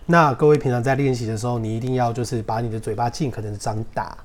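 A man hosting a casual podcast English lesson, chatting loosely and spelling words out slowly letter by letter. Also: mid-range voice, steady tone. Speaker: English teacher podcast host.

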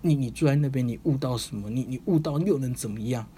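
A man's voice: medium pitch, quick pace, dark tone, a little hiss or hum, natural voice. A man voicing a bitter, wounded adult man who talks in an agitated, stammering way. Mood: angry.

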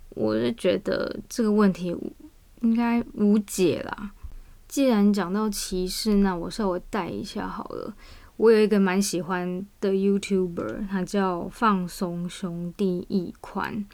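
A woman with a Taiwanese Mandarin accent hosts a casual personal podcast, talking solo in a medium-pitched, slightly mellow voice. She sounds weak and under the weather, her voice drained by vaccine side effects.

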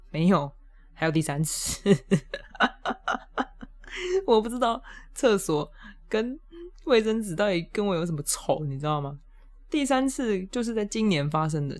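A woman, hosting a podcast and telling a funny story in a casual, animated way, often laughing and jumping up high when exasperated. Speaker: podcast host.

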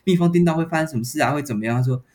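A man, hosting a podcast and retelling a story in a casual, animated and exasperated way. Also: fairly high pitch, rapid-fire. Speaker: podcast host.

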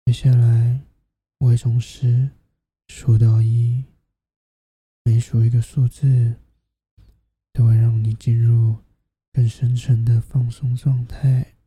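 Sleep story narrator, slow half-whispered guided meditation, very mellow, soothing, close dry sound. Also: medium pitch, flat delivery, husky, dry recording.

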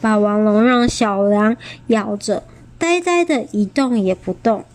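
A woman reading a picture book aloud to her child at bedtime, gentle and pausing to ask the child questions. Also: mid-range voice.

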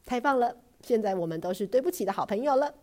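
A woman voicing a father who is firm at first and gentle later, without lowering her own voice. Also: lively intonation, quick pace, close to an everyday voice. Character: stern but caring father.

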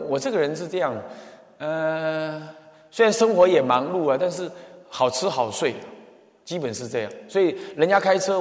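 A man giving a Buddhist dharma talk as temple abbot, animated, acting out little scenes and sometimes dropping to soft murmured chanting. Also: sits high. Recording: echoey hall with long reverb.

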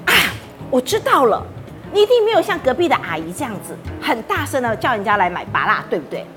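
A woman voicing a bright little girl, chirpy and teasing. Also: sits high, big pitch swings, fast, music in the background. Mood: helpful.

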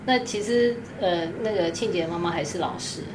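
A woman with a Taiwanese Mandarin accent hosts an interview, offering gentle, brief prompts in a somewhat low voice. She mostly keeps to short acknowledgements. Background noise is clearly audible behind her. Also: moderate pace. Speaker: host.

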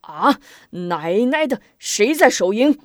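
Brief: loud, barking villain general, storybook telling, voiced by a woman narrator. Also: lowish voice, very animated, slow, dry recording, studio quality, exaggerated voice. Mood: flustered. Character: brutal male army general, boastful villain.

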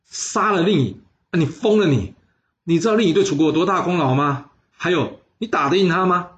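A man's voice: a little high, a little fast, pitched above the performer's own voice, natural voice. A man voicing an alarmed, cautious noble clan elder who scolds in shocked outbursts, recorded with slightly dull audio.

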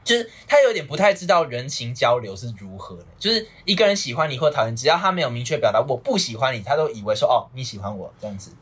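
A young Taiwanese man chatting as a podcast guest, his Mandarin quick and full of pitch swings. His voice is a bit husky, and he strings anecdotes together in loose, rambling runs. He sounds casual and lively throughout. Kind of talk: casual chat, storytelling.

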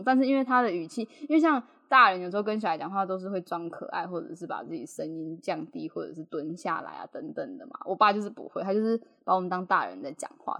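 A woman with a Taiwanese Mandarin accent, co-hosting a podcast and telling childhood stories in an animated way, laughing often. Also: medium pitch. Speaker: podcast co-host. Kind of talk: casual chat.

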